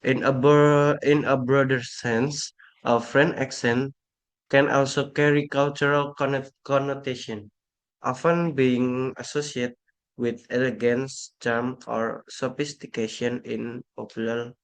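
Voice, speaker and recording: A man's voice: mid-range voice, level tone, unhurried, low-quality recording. Hesitant man reading class notes. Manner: reads notes, hesitant restarts and fillers. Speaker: student presenter.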